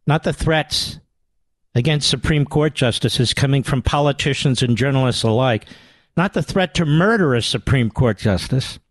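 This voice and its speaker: A man's voice: a little high, dry recording. A man hosting a talk radio show, delivering an indignant, sarcastic political rant into a studio microphone.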